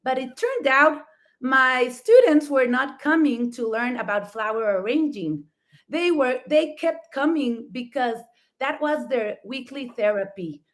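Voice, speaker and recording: A high-pitched, somewhat slow-talking woman with lively intonation recounts her story as co-host of a talk show. She's a middle-aged Mexican florist, a native Spanish speaker with a Mexican accent, who laughs frequently, sounds enthusiastic, and often rephrases with "I mean."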